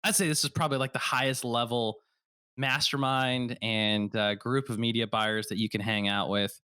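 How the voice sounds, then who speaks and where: A man hosting a podcast, chatting in a quick, excitable, joking way. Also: mid-range voice, clear, resonant tone, no room sound, clean studio sound. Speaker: podcast host. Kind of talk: casual podcast chat.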